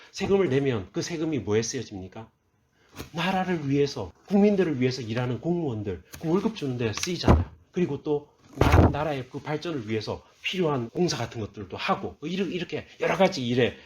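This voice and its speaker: A man's voice: medium pitch, slight background noise. A man preaching a sermon as a pastor, asking his listeners questions and answering them himself, and raising his voice to read scripture aloud. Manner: reads scripture aloud in a raised, forceful voice.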